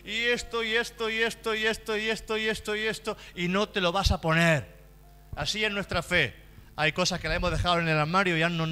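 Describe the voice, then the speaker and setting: A man preaches from the pulpit in a high, bright, cutting voice. He hammers his points through repetition and climbs to fervent exhortation. Soft music sits faintly behind him in the church. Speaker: pastor. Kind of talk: sermon.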